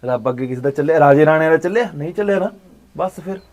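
A man, acting as an uncle in a short film, gently consoling and reassuring his niece. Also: on the high side, animated, quick pace. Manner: warm, fatherly consoling. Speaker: uncle by marriage.

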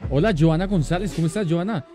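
A man's voice: sits high, dark tone. A man, streaming live and chatting casually, greeting and thanking viewers by name.

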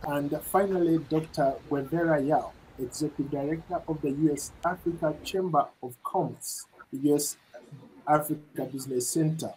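A middle-aged man reporting and hosting a news interview, speaking in a measured way, with fillers when he ad-libs. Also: fairly high pitch, darkish tone, slight background noise, poor audio. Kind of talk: broadcast news narration and interviewing. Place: studio with branded backdrop. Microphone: lapel mic.

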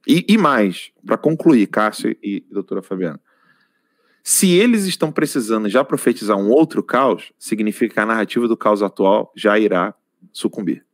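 Low-voiced Brazilian man hosting a live show. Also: expressive, normal speed, dry recording, clean studio sound. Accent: Brazilian Portuguese. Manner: emphatic, urging viewers, self-correcting. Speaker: host. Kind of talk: live-stream commentary.

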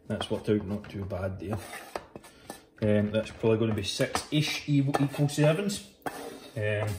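This young adult, a fitness vlogger, speaks at a medium pitch with slight background noise, cheerfully talking through a meal-prep recipe at home. He's chatty and loose, cursing casually, and films on a phone held at arm's length in an echoey kitchen with faint clicks.

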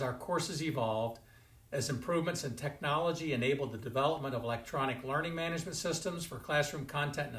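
A man in his sixties, a university president giving a formal commencement address from a home study, in a measured, stately delivery. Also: a little high, fairly bright tone. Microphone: fixed camera, chest-up framing. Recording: roomy indoor echo.

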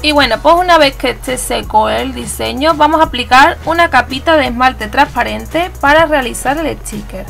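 A woman with a Spanish accent from Spain walks through a nail art tutorial, chatty and instructive, sometimes correcting herself. Her voice sits high and carries a gravelly edge. Soft music plays faintly underneath. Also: moderate pace, few pauses. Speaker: nail art channel host. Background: faint background music.

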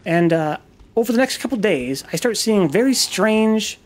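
A man talks over his gameplay in a loose, rambling way, swearing freely and poking fun at himself as the story wanders along. His voice sits a little high for a man. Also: lively intonation, normal speed. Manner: rambling, profane, self-deprecating storytelling. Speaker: gaming video host. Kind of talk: casual gameplay commentary with storytelling.

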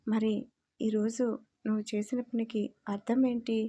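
A woman's voice: fairly high pitch, flat delivery, a little slow, warm tone. Woman voicing a stern young husband. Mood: angry. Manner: demanding, scolding questions.

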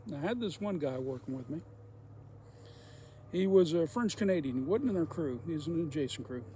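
A man's voice: a little high, animated, fairly quick, dark tone, slight background noise. A man telling a folksy, rambling work story in casual speech while smoking a pipe. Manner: folksy, rambling, repeats himself. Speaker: storyteller, former welder.

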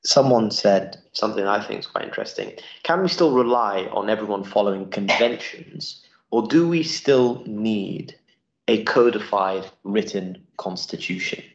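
Young male interviewer, low gravelly voice. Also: animated, moderate pace, roomy sound, lo-fi sound. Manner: friendly, reads audience questions. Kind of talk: live interview. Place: wood-panelled parliamentary office.

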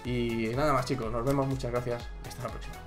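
A young man calls out basketball highlights as he watches, shouting encouragement and swearing casually. His voice sits at an ordinary middle pitch. Faint music plays underneath. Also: quick pace. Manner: animated, cheers and urges plays on, swears casually. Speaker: YouTuber reacting to basketball highlights. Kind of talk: excited live reaction commentary.

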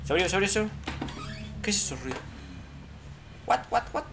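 A gamer with a Rioplatense Spanish accent giving chatty let's-play commentary into a headset mic, dropping to low mutters between startled outbursts. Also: big pitch swings, fairly quick, gravelly, noisy background.

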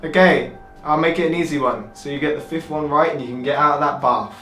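A man's voice: fairly high pitch, fast, fairly bright tone, recorded from a distance. A man in his twenties hosting a casual quiz and reading out questions. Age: 20s. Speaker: quiz host. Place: small tiled bathroom, indoors. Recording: echoey bathroom, off the mic, music.

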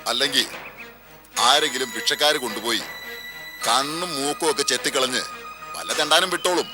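A man's voice: medium pitch, a little fast, lightly acted. An actor playing a menacing male villain who sneers and taunts his captive, in a TV serial, with music behind. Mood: taunting. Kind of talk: TV serial acting.

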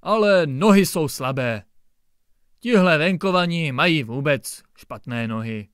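A man voicing an irritable, blustering district judge who barks and scolds, in a lively, raised voice. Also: fairly high pitch, clear, resonant tone, dry recording, clean studio sound. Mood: gruff scrutiny. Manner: barking, scolding outbursts.

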